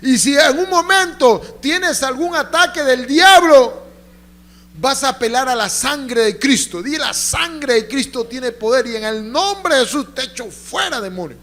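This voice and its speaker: Pastor, male, high voice; call-and-response sermon, hushed tellings broken by loud calls. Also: expressive, a little slow. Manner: call-and-response preaching, asks congregation to repeat; swings between loud emphatic lines and hushed storytelling. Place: church.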